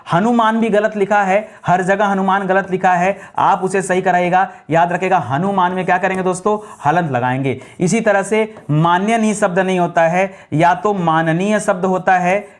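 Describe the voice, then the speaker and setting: Man, young adult, Hindi teacher, spelling drill, repeats words, questions the class, jokes lightly. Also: high voice. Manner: jokey asides with light laughs.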